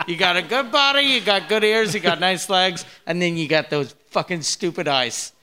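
High, bright, animated man bantering. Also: moderate pace, smooth. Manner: blunt, teasing. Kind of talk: casual crude joking chat.

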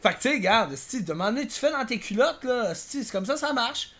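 A Québécois guest with a bright, forceful tone rambles through comedic interview banter. The delivery is hesitant and full of fillers, and outrageous claims come in a deadpan, mock-serious way at a middling pitch. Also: brisk. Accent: Québécois French.

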